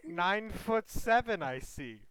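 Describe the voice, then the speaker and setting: Young male podcast host, teasing and playfully dramatic, animated, smooth voice, dry sound. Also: high voice, a little slow, dry recording. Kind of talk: casual podcast chat.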